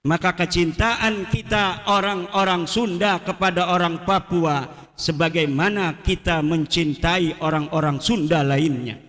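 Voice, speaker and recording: A male preacher holds forth in a large hall where every word trails off in a long reverb. His high, bright voice moves slowly and deliberately, building into fervent rhetorical shouts when he drives a point home. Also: steady tone. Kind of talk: public religious lecture.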